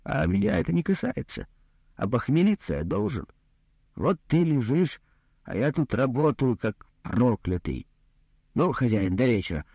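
A man doing a gruff greedy doctor. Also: mid-range voice, very animated, normal speed, mellow, no echo, voice pushed up, heavily acted. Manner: brusque, condescending, grumbling. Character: greedy gruff male doctor, rude and businesslike.

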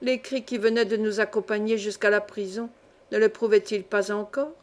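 A woman reading a classic novel aloud as an audiobook narrator, in an even, measured storytelling manner. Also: mid-range voice. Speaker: audiobook reader.

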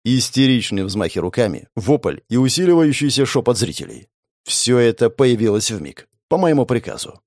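A man's voice: mid-range voice, very animated, normal speed, darkish tone, no room sound, studio quality. A man giving gritty, intense first-person fantasy audiobook narration, swearing now and then.

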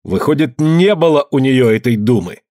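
A man's voice: medium pitch, lively intonation, normal speed, darkish tone, dry recording, studio quality, close to an everyday voice. A man voicing a resolute male peasant leader addressing a crowd, in an audiobook. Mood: earnest. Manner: earnest, oratorical.

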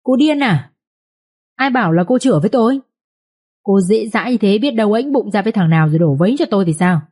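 A woman voicing a callous young village man who sneers dismissively, in a husky voice. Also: mid-range voice, expressive, fast, warm tone. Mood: sneering.

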